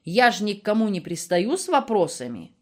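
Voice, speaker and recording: A woman voicing a gruff, scolding old village grandmother. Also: medium pitch, very animated, a little fast, a little mellow. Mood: grumbling.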